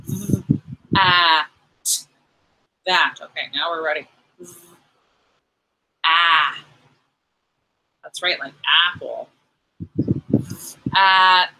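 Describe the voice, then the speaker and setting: A woman teacher giving a phonics lesson to young children, sounding out words slowly and encouragingly. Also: mid-range voice, pushed and bright, poor audio. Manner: slow, clearly segmented sounds, encouraging.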